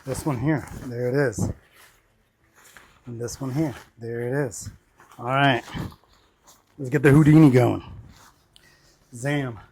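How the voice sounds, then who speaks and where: In a slow, slightly rough voice with a darkish tone, a man jokes to the camera indoors at home while putting on his cycling rain gear for a vlog. His medium-pitched, fairly even delivery comes in short slangy bursts with many pauses, exclamations and catchphrases.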